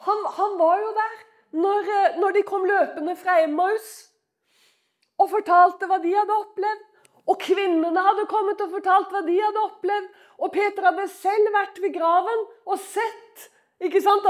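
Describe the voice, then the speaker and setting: A woman preaching a sermon in church in an emotional, conversational way, swinging from loud outbursts to hushed near-whispers and often asking the listeners to agree. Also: extremely high pitch, fairly even intonation.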